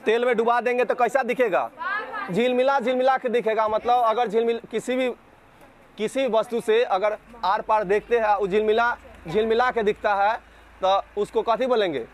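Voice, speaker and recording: A Bihari man with a high voice teaches physics to a group of students. He keeps asking the same question again and again to drill it in, and he scolds anyone who messes around. Children murmur faintly in the background of an outdoor space. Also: steady tone, moderate pace, some chatter behind, slight background noise. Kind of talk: classroom lecture to students.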